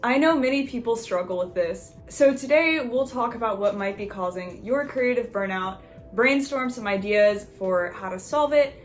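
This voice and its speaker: A woman artist narrating her vlog in a friendly, chatty, self-deprecating way. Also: on the high side. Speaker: artist and video creator.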